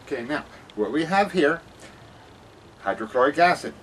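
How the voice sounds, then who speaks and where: A man's voice: a little high, expressive, moderate pace, fairly bright tone. A man playing a cheerful, careless science professor in a spoof 1950s kids' TV broadcast, explaining things in a folksy, rambling way. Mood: casual, careless. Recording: distant mic with room noise.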